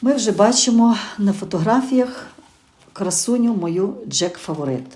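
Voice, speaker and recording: Her voice medium-pitched and dark in tone, a middle-aged Ukrainian gardening-channel host talks in an animated but unhurried manner. It's a casual spoken garden review, full of hesitations and self-corrections.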